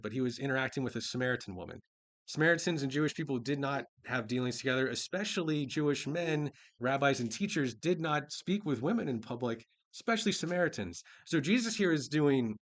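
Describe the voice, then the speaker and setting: A man preaching a sermon in a relaxed, informal way. He reads scripture passages and then retells them in everyday speech. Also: mid-range voice. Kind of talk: casual conversational sermon.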